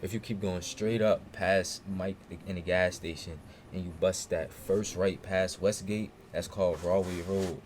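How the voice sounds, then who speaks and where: A young man talks through family and local history in a relaxed, slang-filled podcast chat. His voice sits very low. There is clear room noise behind him. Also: a little slow, few pauses. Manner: laid-back slang-heavy storytelling. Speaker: podcast co-host. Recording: noisy room ambience.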